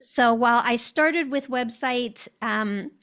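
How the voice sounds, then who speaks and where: A woman's voice: a little high, takes it slowly, fairly bright tone. A woman with an American accent, a guest telling her story in an interview, articulate and reflective.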